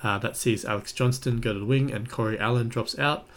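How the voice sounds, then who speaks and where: A man's voice: mid-range voice, steady tone, brisk. An Australian man hosting a sports podcast, giving casual, conversational commentary in an informal way.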